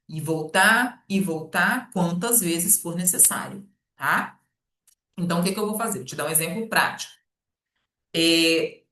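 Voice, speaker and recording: A Brazilian woman teaching professionals about children's literacy in a patient, repetitive way, often checking in with a quick "tá?". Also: lowish voice, fairly bright tone, distant mic. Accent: Brazilian Portuguese. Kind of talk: informal teaching talk. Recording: echoey room, voice off-mic.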